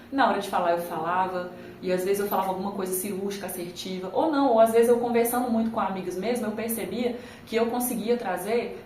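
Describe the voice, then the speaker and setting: A woman's voice: medium pitch, darkish tone, reverberant, a little hiss or hum, rough recording. Chatty woman talking to camera. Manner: chatty, conversational, addresses viewers directly. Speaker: YouTuber. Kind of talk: casual talk to camera. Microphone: phone camera.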